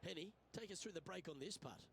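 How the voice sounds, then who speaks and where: Measured male golf play-by-play announcer. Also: sits high, expressive, gravelly, background noise. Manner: measured, announcer-style delivery. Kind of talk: scripted sports commentary.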